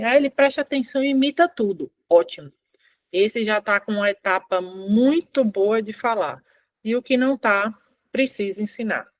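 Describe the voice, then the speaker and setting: A woman speech therapist from Brazil, teaching parents in an informal, animated lesson. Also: fairly high pitch, no room sound. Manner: animated, demonstrating with quoted parent and child lines.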